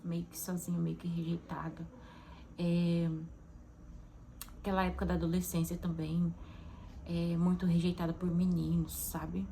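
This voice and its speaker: A woman's voice: lowish voice, monotone, a little slow, long pauses, dark tone, a little hiss or hum, low-quality recording. A young adult woman with a Brazilian Portuguese accent, a mother sharing a personal testimony in a chatty, heartfelt way with frequent tag questions. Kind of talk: casual confessional monologue.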